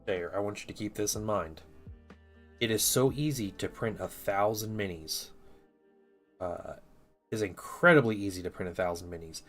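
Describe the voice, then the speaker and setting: A man in his thirties with a very low voice talks through a relaxed live stream, answering viewer comments as he builds. His delivery is loose and rambling, with soft music playing faintly behind him. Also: moderate pace, long pauses. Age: 30s. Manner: relaxed and rambling, reads viewer chat aloud while assembling models. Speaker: live-streaming miniature painter. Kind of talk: casual live-stream chat.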